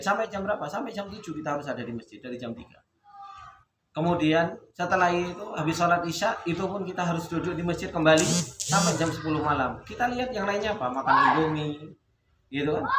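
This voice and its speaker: A man's voice: a little high, a bit bright. A young man giving an informal religious talk, telling stories and asking rhetorical questions. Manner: storytelling with rhetorical questions, Javanese words mixed in. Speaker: religious teacher. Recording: echoey room with background noise.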